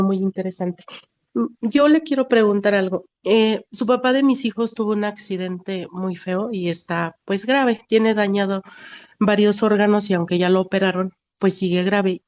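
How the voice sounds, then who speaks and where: A middle-aged woman in a support group asks a question, speaking haltingly with many restarts. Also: mid-range voice, darkish tone.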